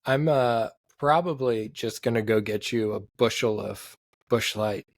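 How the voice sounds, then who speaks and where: A man co-hosting a sports podcast, rambling in casual chat with lots of fillers and sudden pitch jumps. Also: measured pace, dry recording. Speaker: podcast co-host.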